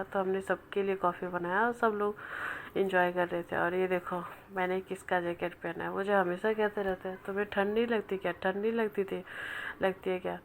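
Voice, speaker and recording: Soft-spoken, evenly paced Bihari woman. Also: fairly low pitch, slight background noise. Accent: Bihari Hindi. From Bihar, India. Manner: speaks quietly and slowly because her child sleeps beside her. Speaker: family vlogger. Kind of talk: soft voice-over narration of a daily vlog. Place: indoors at home, child asleep nearby.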